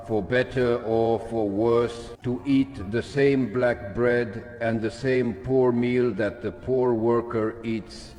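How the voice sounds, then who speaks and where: A man delivers a formal political speech at a very slow, deliberate pace. His voice rings in a long hall reverb, with music playing behind him. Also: medium pitch, a little mellow. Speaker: speech reader. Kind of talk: formal political speech read aloud in English translation.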